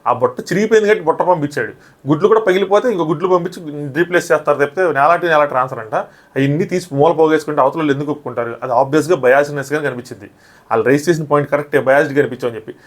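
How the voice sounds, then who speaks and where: A man reviewing a reality show episode in casual, argumentative talk, often acting out what others said. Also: on the high side. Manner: rapid, argumentative, often acts out quoted lines.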